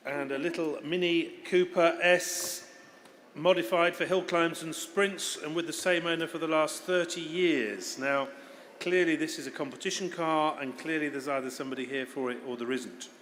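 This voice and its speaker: In an echoey hall with long reverb, a man in his fifties presents auction lots informally, adding conversational asides. His voice sits on the high side, fairly bright, at a normal speed.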